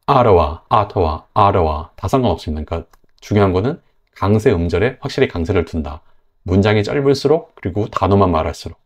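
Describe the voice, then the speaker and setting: Korean guy w/ a lowish voice walking thru english pronunciation, slow demo words. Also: lively intonation, darkish tone. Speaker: English teacher.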